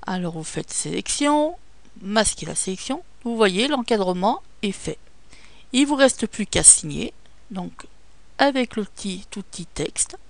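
Woman with gravelly fry giving steps. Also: mid-range voice, expressive, measured pace, no room sound. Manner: step-by-step instructions with frequent fillers. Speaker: tutorial presenter. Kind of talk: screen-recorded software tutorial.

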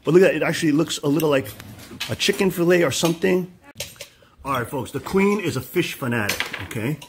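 Standing outside by a frying pot, a male cooking vlogger delivers excited commentary full of whoops and exclamations. He speaks briskly in a higher voice with lively intonation, over a noisy background.

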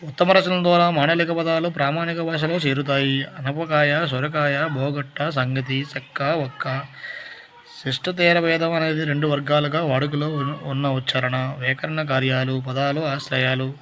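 A man's voice: a little high, little pitch movement, normal speed, fairly bright tone, slight background noise. A man reading Telugu dialect study notes aloud for exam preparation, listing word forms one at a time and correcting himself as he goes. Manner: reads lists of word forms one by one with restarts. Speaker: exam prep teacher.

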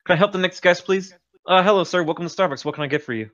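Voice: mid-range voice, racing, a bit bright, muffled recording. Polite, patient fake cashier. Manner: polite formal service tone, patient. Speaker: cashier in role-play. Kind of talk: prank role-play in voice chat.

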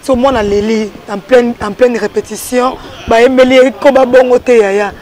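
A woman's voice: fairly high pitch, steady tone, moderate pace, a little mellow. A young woman with a Congolese accent interviewing a guest outdoors, asking short questions. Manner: short prompts and listening murmurs. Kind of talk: casual interview. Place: outdoors by a wall.

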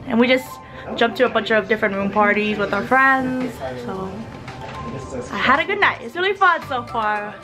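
A young woman from Minnesota chatting casually to a handheld camera at a convention, upbeat and rambling. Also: on the high side. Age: young adult. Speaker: vlogger. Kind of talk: casual vlog chat to camera. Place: busy convention center halls. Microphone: handheld camera at arm's length. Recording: loud crowd and music behind. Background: crowd chatter and music.

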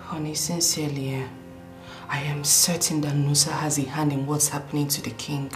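A woman's voice: deep voice, flat delivery, moderate pace, natural voice. An actress playing a worried wife reassuring her jailed husband. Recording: echoey room with music.

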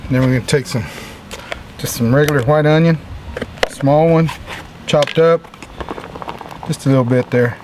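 Background noise fills the outdoor grilling spot where a middle-aged man hosts a casual backyard cooking show. His fairly high voice carries a jolly, folksy, chatty manner.

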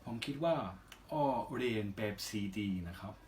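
With a mid-range voice and slight background noise around him, a foreign male singer gives relaxed interview answers. His Thai is careful and non-native, Western-accented, delivered in short halting bursts with polite particles.

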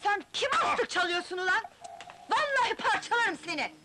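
A woman plays a nasty cartoon cockroach stepmother, barking orders in a piercing, very high voice. A steady hiss runs under the recording. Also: normal speed. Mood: scornful. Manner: shrill, shouting, bullying. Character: cruel shrill cockroach stepmother.

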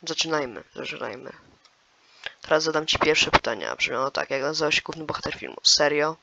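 A fairly high, gravelly male voice with a sharp, bright edge. He reads quiz questions aloud in a casual commentary, then muses over his answers. The sound comes through a dull, lo-fi mic. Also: animated, fast talker, slight background noise. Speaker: gaming channel host.

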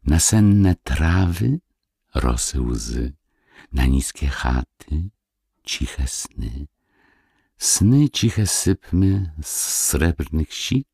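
A man voicing a chorus of tiny dancing dwarves in a slow, whispered, lilting chant. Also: a bass voice, sing-song, vocal fry, dark tone, husky, dry recording, studio quality, heavily acted. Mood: hushed chant.

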